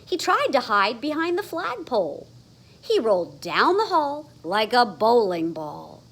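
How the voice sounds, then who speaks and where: A storybook reader with a slightly high, bright, very animated voice reads a children's story aloud a little slowly. She puts dramatic emphasis on the sound words.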